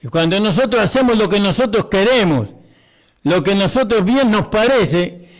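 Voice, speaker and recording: A man preaching a radio sermon, slow and emphatic, breaking off often to ask his listeners short rhetorical questions. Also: sits high, lively intonation.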